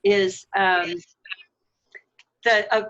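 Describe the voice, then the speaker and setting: A woman's voice: mid-range voice, steady tone, drawn-out words, a bit bright, muffled recording. A woman hosting an interview over a video call, enthusiastic and encouraging. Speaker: host.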